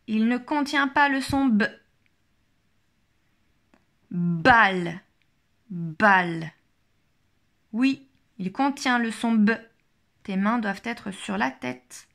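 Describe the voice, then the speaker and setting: Slow, careful woman teaching phonics. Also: fairly high pitch. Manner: slow, carefully articulated, repeating each word twice. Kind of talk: phonics lesson for a child.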